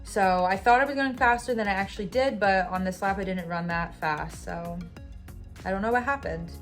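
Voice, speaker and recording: A woman's voice: mid-range voice, moderate pace, faint music behind. A woman in her twenties talking candidly over her vlog, reviewing a race she is disappointed with. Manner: candid, self-critical, conversational. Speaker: vlogger and runner.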